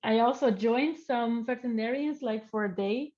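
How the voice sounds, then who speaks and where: A young woman with a Dutch accent, her native tongue showing as she chats in English. She sounds cheerful and easygoing, her voice sitting a bit high. The call audio is dull and lo-fi. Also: normal speed, darkish tone. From Netherlands. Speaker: animal welfare researcher, guest. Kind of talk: casual interview chat.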